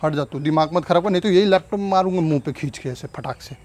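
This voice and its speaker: A man's voice: on the high side, fast, darkish tone. A man staging an angry argument at home, scolding and threatening someone. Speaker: prankster husband.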